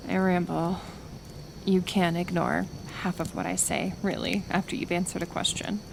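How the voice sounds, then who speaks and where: In an ASMR roleplay, a woman plays a reclusive healer who is kind but stubborn, speaking gently yet firmly at an unhurried pace, with sighs and pauses. Her voice is lowish and creaky, the background is noisy, and her mood is curious and softer.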